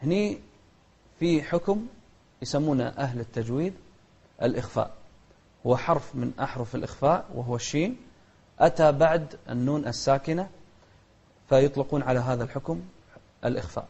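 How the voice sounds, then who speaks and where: A man teaching Quran recitation rules. He gives brisk explanations and breaks them with slow, chanted examples. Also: mid-range voice, a little mellow, slightly rough, highs cut off. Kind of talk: tajweed lesson with demonstrated recitation.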